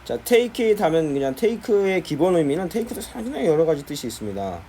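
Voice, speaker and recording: A man's voice: a little high, normal speed, slight background noise. A man teaching a middle school English lesson, explaining textbook listening in a classroom style, often starting sentences with "자". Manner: lively, repeats "자" often, explains in Korean.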